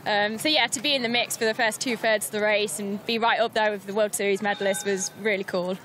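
A woman's voice: medium pitch, fairly even intonation, quick pace, a bit bright, a little hiss or hum. A woman triathlete answering post-race questions outdoors in a cheerful, laughing way.

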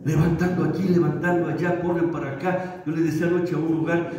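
A man's voice: fairly high pitch, level tone, fast, a little mellow. A man, a pastor, preaching a sermon with humor and acting out little dialogues. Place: church hall. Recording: echoey hall from far off.

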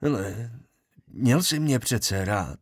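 A man's voice: mid-range voice, lively intonation, slightly rough, dry recording, studio quality, voice pushed up. A man voicing a troubled young man in an audiobook, speaking in a pleading, shaken way. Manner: pleading, with flashes of anger.

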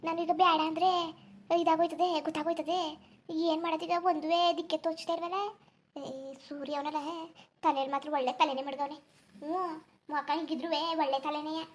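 A woman's voice: high voice, slight background noise, close to an everyday voice. Woman voicing a wailing village mother. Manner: rustic colloquial speech, pleading and scolding. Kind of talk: cartoon voice acting.

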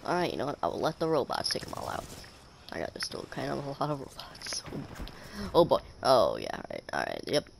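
A man's voice: mid-range voice, huge pitch swings, a little fast, gravelly, background noise. A young man with a stuffy nose giving casual, sarcastic commentary while playing a game, joking and talking to enemies. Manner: sarcastic, jokey, talks to enemies. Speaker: gameplay commentator. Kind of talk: casual let's-play commentary.

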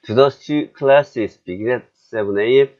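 A man with a Korean accent teaching English grammar, chatty and self-deprecating, drilling phrases slowly. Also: medium pitch, muffled recording. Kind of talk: classroom grammar lesson.

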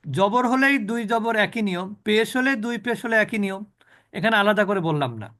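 A man with a high voice leads a recitation lesson for his students. He talks them through the rules patiently, repeats the important points and checks their answers as he goes. He slows down to sound out each letter carefully. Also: sharp tone. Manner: demonstrates letter sounds slowly. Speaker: Quran recitation teacher. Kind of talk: online tajweed class.

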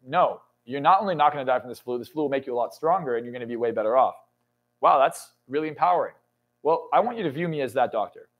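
This podcast interview features a motivational speaker and coach in his twenties, on an indoor studio lounge set, whose emphatic talk is full of swearing and excited surges. His slightly high voice sounds narrow, and the audio is tinny.

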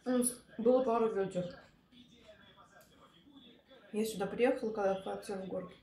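A woman's voice: medium pitch, moderate pace, dark tone, roomy sound. A woman vlogger chatting casually in short, rambling fragments while chewing with her mouth full. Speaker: mukbang vlogger. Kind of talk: casual chat while eating.

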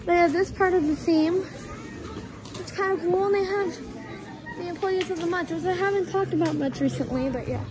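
Excitable high-voiced woman filming a store tour. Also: noisy background. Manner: excitable, rambling, easily amazed. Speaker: vlogger. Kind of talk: casual store walkthrough vlog. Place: large busy indoor store. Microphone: handheld phone. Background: loud music and crowd.

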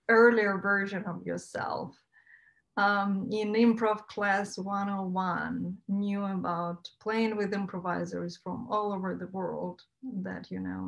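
Slow, measured woman hosting a panel. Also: medium pitch, vocal fry, low-quality recording. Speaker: panel host. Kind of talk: video call panel discussion. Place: home room with shelves and plants. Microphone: video call.

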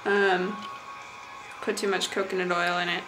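With a fairly low pitch and a level, unhurried delivery, a young woman vlogs a makeup tutorial, rambling and muttering offhandedly in a small bathroom. Music runs in the background, the camera is positioned a short distance away, and the audio is poor.

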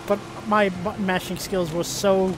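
A man's voice: high-pitched, flat delivery, normal speed. A man giving casual gameplay commentary, jokey and exclamatory, with swearing. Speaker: gamer. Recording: commentary over noisy game audio.

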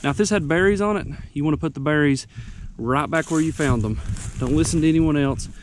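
Breathless out on a wooded mountain slope, a young ginseng hunter shares folksy, meandering how-to tips for his vlog. He talks briskly in a fairly high voice, and a faint hiss or hum runs under the audio.

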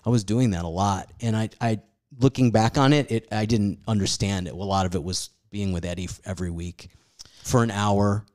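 Deep-voiced man in his forties, rambling. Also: fairly even intonation, moderate pace, a little mellow. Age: 40s. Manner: rambling, self-deprecating, swears freely. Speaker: comedian guest. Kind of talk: casual podcast chat.

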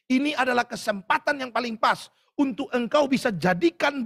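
A male pastor delivers a fervent sermon at a church service, repeatedly turning to the congregation with questions. His high voice is gravelly and husky, and bright and tense when he pushes. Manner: fervent preaching, often calls out to the congregation.

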